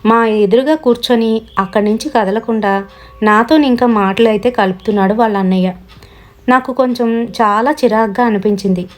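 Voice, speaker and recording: A woman narrating a first-person horror story in a relaxed, conversational manner. Her voice sits fairly high, and she moves easily between recounting events and quoting dialogue. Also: a little fast.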